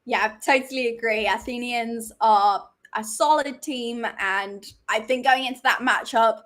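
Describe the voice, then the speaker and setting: On a women's soccer preview show, a co-host with a fairly high voice and fairly bright tone talks a little slowly. She keeps things chatty, laughs easily, and invites viewers to share their comments.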